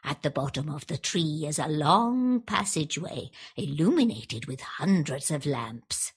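A woman's voice: deep voice, big pitch swings, a little slow, breathy edge, exaggerated voice. A woman voicing a scheming old witch in a children's storybook, coaxing and sly. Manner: sly, coaxing, whispery at times. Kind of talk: storybook voice acting.

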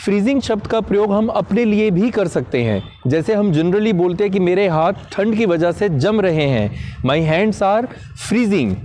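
A young man, a native Hindi speaker, teaching English vocabulary in a casual video lesson, spelling out English examples slowly. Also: high voice, expressive, mellow. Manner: explains slowly, says English examples deliberately.

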